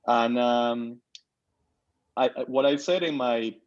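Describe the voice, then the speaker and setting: Through a muffled recording, a man in his thirties from Peru speaks slowly at medium pitch while introducing himself as a board member on a video call. His virtual meeting remarks stumble with many fillers and restarts.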